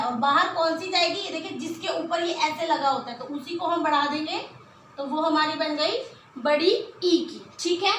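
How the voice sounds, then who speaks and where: Woman teaching kids hindi, really high bright voice, stretches out every syllable, echoey room. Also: a little hiss or hum. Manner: slow, drawn-out syllables when sounding out words; patient explaining, frequent rhetorical questions. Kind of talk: children's Hindi lesson at a board.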